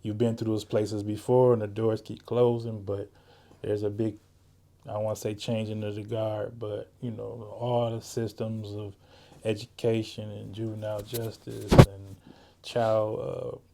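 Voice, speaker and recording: A man hosting a podcast interview, talking in a relaxed, easygoing way and often saying "man" and "you know". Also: on the low side, unhurried, vocal fry. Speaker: podcast host; works with juvenile youth. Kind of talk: casual interview chat.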